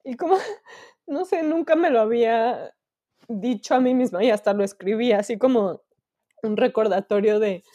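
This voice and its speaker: A woman's voice: a little high, normal speed, warm tone. A Mexican woman in her thirties, co-hosting a podcast in candid, emotional casual chat, swearing freely. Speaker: podcast co-host.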